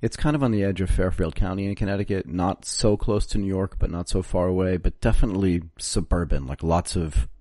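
A man's voice: deep voice, fairly even intonation, fairly quick, few pauses, mellow, no room sound. A man hosting a podcast interview, chatty and joking, often cutting in on his guest. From United States. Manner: jokey, chatty, talks over the guest. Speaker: podcast host. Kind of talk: casual interview chat.

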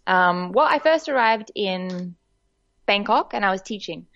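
A woman's voice: medium pitch, animated, a little slow, muffled recording. A woman from Australia, telling her story in a podcast interview, chatty and full of fillers. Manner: warm, chatty storytelling with frequent laughs and fillers. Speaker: guest, director of a women's network.

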